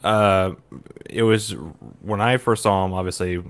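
Deep-voiced man recounting movie scenes. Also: steady tone, measured pace, clean tone. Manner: retells scenes with acted-out inner thoughts; many fillers, "right?" tags. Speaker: podcast co-host. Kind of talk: casual movie review chat.

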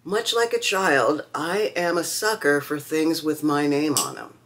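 A man talks through a knife review at home, wry and campy, full of chatty asides. His pitch swings widely from phrase to phrase, and he takes his time, speaking slowly. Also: big pitch swings, a bit bright, slight background noise. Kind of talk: casual vlog review.

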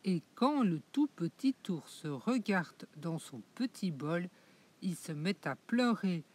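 A woman narrating a children's audiobook in a slow, clear and expressive way. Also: fairly low pitch. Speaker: storyteller.

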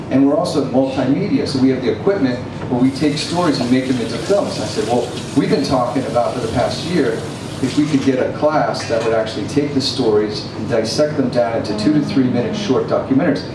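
A man's voice: medium pitch, fairly quick, few pauses. A middle-aged man answering audience questions at a film screening, breezy and slangy, speaking into a handheld mic. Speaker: film panelist. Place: small cafe gallery with audience. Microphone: handheld mic, far camera. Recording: echoey room from far off, noisy.

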